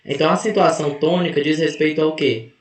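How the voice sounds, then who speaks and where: A man's voice: on the high side, steady tone, quick pace, roomy sound. A man teaching an exam-prep grammar lesson who stretches out words to show the stressed syllable and corrects himself mid-sentence. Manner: self-correcting, restarts mid-phrase.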